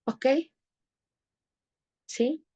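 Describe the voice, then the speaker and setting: A woman's voice: very slow, dark tone. A woman teaching an online class, affectionate and coaxing, who keeps asking the students to confirm they follow. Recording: dull lo-fi sound.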